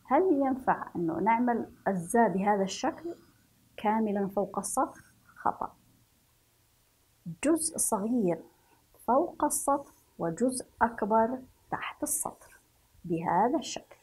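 A woman from Yemen teaching a children's reading and writing lesson. She draws out each word slowly, syllable by syllable, for young pupils. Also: on the high side, animated, a little mellow, slightly rough, rough recording.

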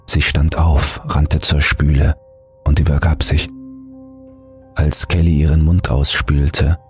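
A man with an extremely deep voice narrates a horror audiobook in a calm, measured way. Faint background music sits beneath his reading.

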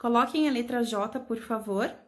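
A patient preschool teacher speaking to small children, spelling out letters and syllables one by one. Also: female voice, fairly high pitch, moderate pace. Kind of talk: slow remote lesson for young children.

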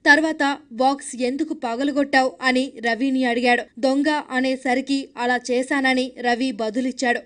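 A woman narrating a scripted news recap in a steady reading voice. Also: high voice, moderate pace.

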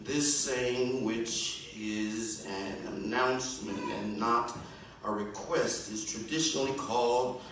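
A man's voice: mid-range voice, slow pace, noisy background. Far-off, echoey man preaching at a pulpit. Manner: call-and-response preaching that builds to shouting. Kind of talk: sermon. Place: large church sanctuary, indoors, at the pulpit. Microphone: pulpit mic, recorded by a far camera. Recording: echoey church sanctuary from far off.

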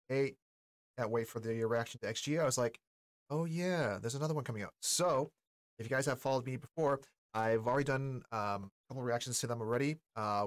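In a small indoor streaming setup, a forties-aged host delivers informal, slang-heavy reactions to the camera. His voice sits at medium pitch, and there's no echo.

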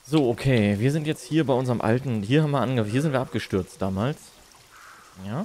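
A man's voice: medium pitch, brisk, darkish tone, a little hiss or hum. A man thinking aloud in casual, rambling commentary while livestreaming a game. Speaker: livestreamer, gamer. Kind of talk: casual live gaming commentary.

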